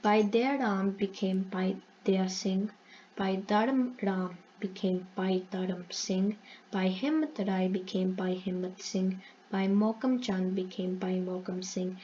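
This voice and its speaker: A woman's voice: medium pitch, fairly even intonation, slow, mellow, dull audio, a little hiss or hum. A woman hosting her own channel, retelling a religious story in an earnest, explanatory way and often correcting herself mid-sentence. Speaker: channel host.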